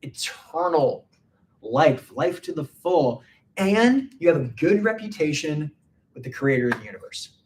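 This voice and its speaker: A man's voice: on the high side, very animated, measured pace, darkish tone, far from the mic, a little hiss or hum. A man preaching a casual midweek sermon, chatty and full of "like" fillers. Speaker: pastor.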